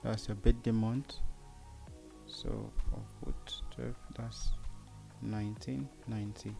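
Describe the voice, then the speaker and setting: Over music, a man with a Cameroonian accent narrates a step-by-step screen tutorial in a lowish, steady voice, speaking slowly with vocal fry. He hosts by throwing out rhetorical questions and answering them himself.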